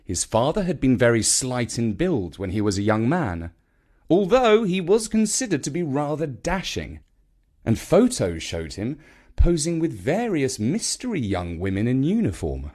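In a medium-pitched voice, a British man reads out a scripted children's story, his delivery measured and expressive in the manner of a storyteller.

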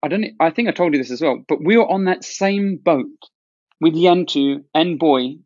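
A man's voice: on the high side, lively intonation, moderate pace, a little mellow, dry recording. Man chatting reflectively, dull dry sound. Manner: conversational, reflective, with small repeated restarts. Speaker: interviewer. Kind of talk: casual chat.

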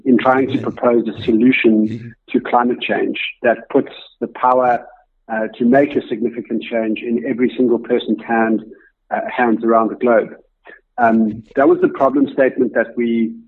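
A man with a gravelly, husky voice answers as an interview guest, thinking aloud and weighing his words. He comes through a thin, tinny remote line like a phone call. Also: medium pitch. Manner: reflective, thinks aloud with fillers. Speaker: company co-founder and CEO, guest.

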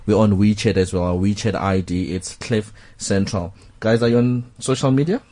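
Relaxed male radio host. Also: on the low side, normal speed. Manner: relaxed, lots of "oh, okay" and "no, definitely". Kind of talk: casual talk radio hosting.

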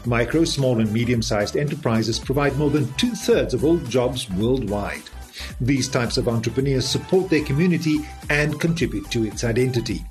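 A man hosting an interview podcast reads a scripted intro, then asks questions in a friendly manner with hesitant fillers. His medium-pitched voice is expressive at a moderate pace, recorded in an echoey room with music underneath.

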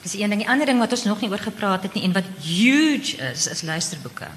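A woman's voice: mid-range voice, lively intonation, fast talker, fairly bright tone. A woman with a broad South African Afrikaans accent, speaking informally in a panel discussion. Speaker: publisher on a panel. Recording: echoey hall with background noise.

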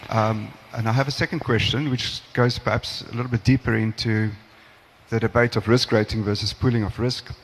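A man in the audience asking two questions at a conference in a formal, deliberate way. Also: lowish voice, fairly even intonation, a little hiss or hum. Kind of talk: question from the floor. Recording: long hall reverb.

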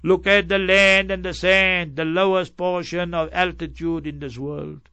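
High bright-voiced man chanting scripture. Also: steady tone, smooth, no room sound, lo-fi sound. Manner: chants verses quickly, then explains in emphatic stacked synonyms. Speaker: Quran teacher. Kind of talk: Quran commentary lesson.

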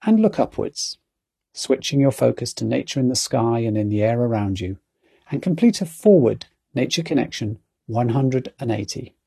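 A man giving calm guided mindfulness narration as an outdoor exercise coach, speaking in a soothing, measured, instructional way. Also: mid-range voice, vocal fry, husky.

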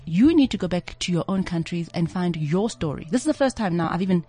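A woman's voice: fairly low pitch, expressive, fast talker, dark tone, soft background music. A middle-aged South African woman with a buttery, honeyed voice, talking as an interior designer in a radio interview. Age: 40s or older.

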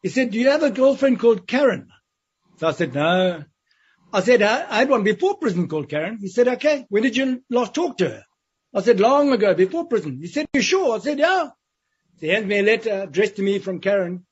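Husky high-voiced man telling a story. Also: sing-song, a little fast. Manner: vivid storytelling, acts out quoted voices. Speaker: interview guest. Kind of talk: storytelling in an interview. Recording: dull lo-fi sound.

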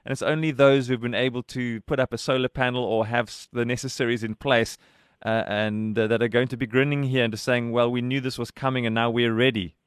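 A man hosting a radio interview, talking in an animated, conversational way. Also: medium pitch, a little fast, clear, resonant tone, no echo, clean studio sound. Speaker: radio host.

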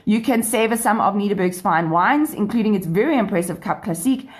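Woman, South African accent, radio host, upbeat, enthusiastic presenting, medium pitch. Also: animated, a little fast. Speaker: radio show and podcast host. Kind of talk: upbeat presenting, part scripted news, part chat.

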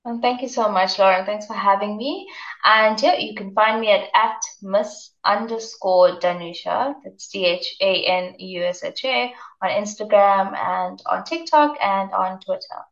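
Woman, self-care coach, gentle reflective talk, distant from the mic, dull lo-fi line. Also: medium pitch, a little slow, echoey room. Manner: gentle, reflective, with frequent "you know". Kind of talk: casual radio interview chat.

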